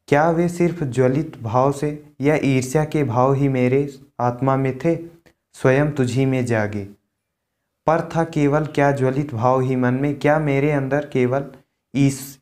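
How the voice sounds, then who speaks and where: A man teaching a poetry lesson, reading each verse aloud and then unpacking it in plain words. He speaks in an unhurried, measured way, with a voice of ordinary middle pitch. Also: darkish tone. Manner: reads a verse line, then explains it slowly in plain words. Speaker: Hindi literature teacher. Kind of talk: line-by-line poetry explanation lesson.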